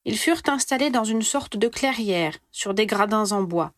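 A woman narrates a story in a steady, clear reading voice at a middle pitch. The sound is dry and close, with no room around it. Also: normal speed, no echo. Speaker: reader of fan fiction. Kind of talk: audiobook narration.

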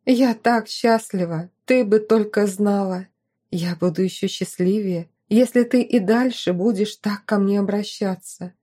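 A tender, emotional countess mother who speaks softly and tearfully, as a woman narrator puts her on. Her voice is mellow and warm, slow with feeling. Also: mid-range voice, close to an everyday voice. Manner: tearful and soft.

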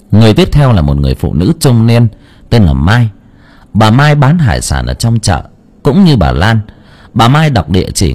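A man narrates an audiobook story in a low, husky voice. His delivery is mellow and steady, with a lively pitch.

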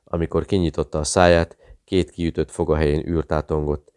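Very deep-voiced male audiobook narrator. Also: little pitch movement, darkish tone, smooth, dry recording, clean studio sound. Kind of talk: audiobook reading of a thriller.

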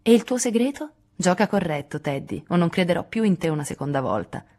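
A woman's voice: on the low side, lively intonation, brisk, mellow. A woman reading aloud, voicing a spirited, outspoken teenage girl who talks bluntly and impulsively. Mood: eager.

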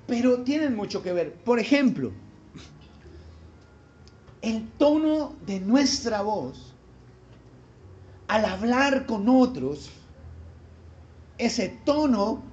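A man's voice: very high voice, a little mellow. A man preaching a sermon as pastor, emphatic and quizzing the congregation with rhetorical questions. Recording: dull live church recording with faint ambience.

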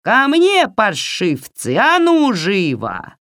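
A woman voicing a mocking, cunning old witch in a storybook reading, with a shrill, jeering manner. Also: huge pitch swings, slow pace, a bit bright, no echo, studio quality, full character voice. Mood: bossy.

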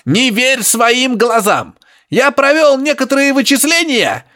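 A man voicing an excitable male professor who shouts urgently in a high, strained, grunting voice over a crackling radio. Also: a little slow, heavily acted. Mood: agitated.

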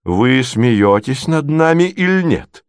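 A man's voice: mid-range voice, animated, slow, smooth, no echo, studio quality. A man voicing an indignant, domineering lady who presses with exasperated questions. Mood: reproachful. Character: indignant domineering middle-aged lady, scheming.

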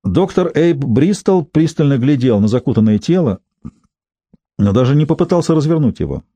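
A man reading a thriller audiobook in scripted narration, measured and even. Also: mid-range voice, no echo.

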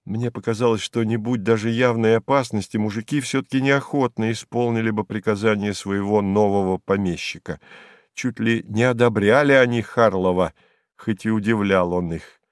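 A man reading a classic story aloud in steady, measured audiobook narration. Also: fairly low pitch, no room sound, studio quality.

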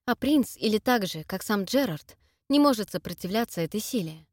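A woman reading a fantasy audiobook in measured scripted narration. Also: medium pitch, animated, no room sound, studio quality.

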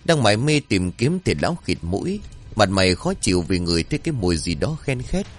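A man narrating a village ghost story with a low, animated voice that moves freely in pitch. The delivery is scripted and lively, with faint music underneath. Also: fairly quick.

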